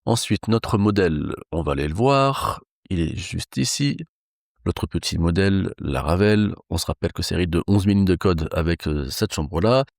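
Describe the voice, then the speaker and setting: Gravelly-voiced French coding instructor. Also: male voice, deep voice, expressive, moderate pace, dry recording, clean studio sound. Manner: thinks aloud, casual, frequent fillers. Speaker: programming instructor. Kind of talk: live coding tutorial.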